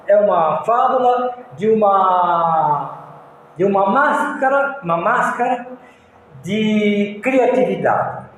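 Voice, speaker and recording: A man with a Brazilian accent giving a folksy moral lecture at a spiritist center, telling stories with many restarts. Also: sits high. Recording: echoey hall, faint room noise.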